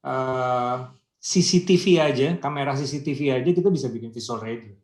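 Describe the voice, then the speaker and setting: A man of middle pitch talks in a relaxed, chatty way, building his points with anecdotes and rhetorical questions. His voice comes through a video call with a noticeably roomy, echoey sound. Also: moderate pace. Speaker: radio industry guest speaker. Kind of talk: casual conversational discussion.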